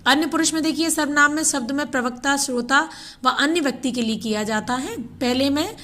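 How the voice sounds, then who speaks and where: A woman teacher walks children through a grammar lesson. Her voice sits a little high, and she reads each example sentence aloud at an unhurried pace. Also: bright, forceful tone. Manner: addresses children directly.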